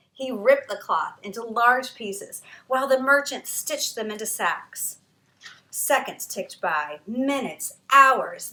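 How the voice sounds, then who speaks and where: Reading from her own book, a woman tells a children's history story with animated emphasis and theatrical pauses. Echo fills the room, and her bright voice runs a bit higher than typical.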